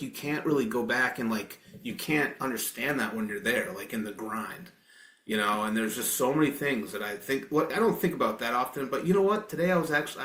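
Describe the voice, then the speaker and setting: A man in his forties hosting a podcast interview, chatting loosely and circling back on himself with fillers and restarts. His voice sits at an average pitch and carries a noticeable room echo around it. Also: fairly bright tone. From Maine. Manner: rambling, frequent fillers and self-corrections. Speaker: podcast host. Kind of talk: casual interview chat. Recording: roomy echo.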